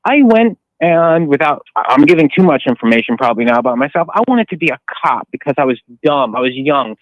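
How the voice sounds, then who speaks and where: A man's voice: mid-range voice, expressive, quick pace, dry recording. A male caller on the phone to a radio show, talking in a rambling, heated way that jumps from thought to thought. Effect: over the phone. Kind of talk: call-in radio rant. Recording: tinny dry phone line.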